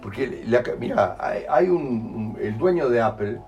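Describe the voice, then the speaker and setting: Speaking unhurriedly in a mid-range, slightly mellow voice with lively intonation, a Uruguayan-accented man runs an in-person healing talk for a small group. He explains through acted everyday examples in colloquial speech and keeps asking "¿entendés?" The recording is muffled, with soft music in the background.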